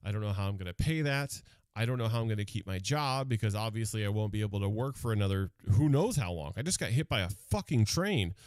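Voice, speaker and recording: A man telling a personal story on radio in a rambling, animated way, with many restarts. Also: on the low side, fast talker, dry recording.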